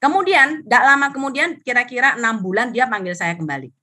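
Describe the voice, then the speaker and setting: A middle-aged woman from Indonesia, an insurance agent telling her experiences in a lively motivational talk that mixes in English phrases. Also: fairly high pitch, fairly quick. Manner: animated, acts out quoted dialogue, drops in English phrases. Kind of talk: motivational storytelling on a live stream.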